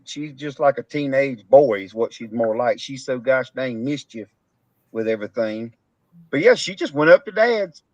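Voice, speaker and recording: Speaking at a medium pitch with no room sound, this Texan-accented man is a cattle farmer chatting casually on a live stream. His stories ramble along, punctuated by laughter and rural Southern grammar, over dull, dry lo-fi audio.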